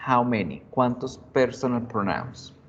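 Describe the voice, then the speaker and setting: A man's voice: medium pitch, lively intonation, a little slow. A man teaching a video English class, patiently repeating words for students to drill. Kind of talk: bilingual video class lesson. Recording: dull lo-fi recording with faint noise.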